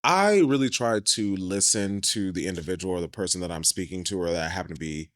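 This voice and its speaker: A man co-hosting a podcast in casual chat, speaking in a thoughtful, measured way. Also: low voice, dry recording, studio quality. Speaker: podcast co-host.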